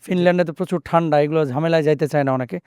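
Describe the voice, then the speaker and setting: A man's voice: fairly high pitch, fairly even intonation, rapid-fire, a little mellow, clean tone, no room sound. A man hosting a religious interview, asking questions respectfully and affirming often. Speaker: show host asking questions.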